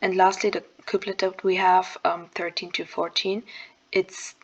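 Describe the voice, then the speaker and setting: A young woman calmly talking through a poem's structure over slides, thinking aloud with fillers and the odd self-correction. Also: lowish voice, measured pace, slightly rough, highs cut off. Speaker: student explaining a poem. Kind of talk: casual explanatory lesson over slides.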